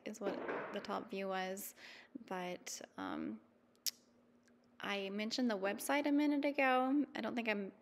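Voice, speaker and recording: A woman in her thirties narrating a travel vlog in a chatty, easygoing way, with frequent ums and quick laughs. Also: medium pitch, creaky, in a large hall, a little hiss or hum. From mountain region. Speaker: vlogger. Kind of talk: casual voice-over narration.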